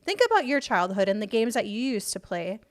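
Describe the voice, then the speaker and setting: A woman's voice: medium pitch, very animated, fairly quick. A woman streamer reacting to the day's news in casual chat, rambling and swearing heavily whenever she gets passionate. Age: adult parent. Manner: rambling, heavy swearing, fired-up rants.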